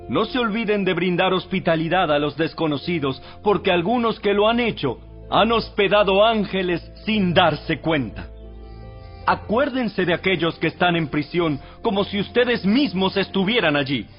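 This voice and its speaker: Male narrator, high-pitched, solemn and measured, for scripted audio Bible with faint background music. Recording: dull radio-like sound with music behind.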